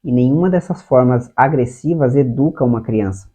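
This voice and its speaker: A man's voice: medium pitch, moderate pace, dark tone, breathy edge. A man with a Brazilian Portuguese accent giving an earnest explanatory talk on parenting, speaking straight to the viewer. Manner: earnest, addresses the viewer directly, acts out short quoted lines. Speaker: parenting educator. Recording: tinny phone-like sound.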